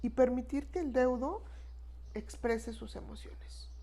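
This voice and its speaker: A woman speaks as an expert guest, explaining earnestly in easy conversation. Her voice is dark and mellow with a gravelly edge of fry, and she often closes a point with a quick questioning tag. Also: fairly high pitch. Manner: earnest, repeats 'no?' tags, acts out quoted phrases. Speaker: expert guest on death and grief.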